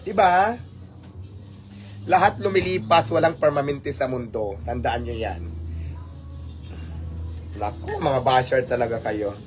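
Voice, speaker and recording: A man's voice: medium pitch, unhurried, pauses often, soft background music. A man hosting a casual livestream, talking animatedly and rhetorically, mixing in English phrases. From Philippines. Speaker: livestream host.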